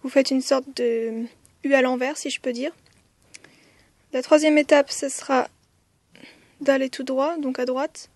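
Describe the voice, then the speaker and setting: A woman's voice: high voice, little pitch movement, a little slow, long pauses, no room sound. A woman teaching a writing lesson step by step, with frequent "euh" hesitations and counting strokes aloud. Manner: counts strokes aloud, softly whispering some counts. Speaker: language teacher.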